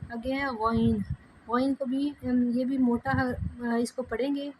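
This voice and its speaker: A woman teaching a children's Quran reading lesson, slowly drawing out each syllable in drills between quick explanations. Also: high voice, level tone, noisy background. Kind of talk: step-by-step recitation lesson.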